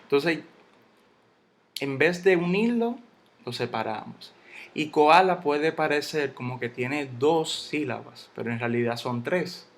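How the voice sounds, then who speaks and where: Slow, deliberate male spelling teacher. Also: a little high, lively intonation. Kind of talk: spelling and grammar lesson.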